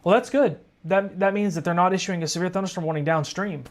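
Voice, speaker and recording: A man's voice: high voice, fast talker, soft background music. A tired man hosting live weather coverage, chatting casually and calling viewers folks. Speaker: storm-tracking livestream host.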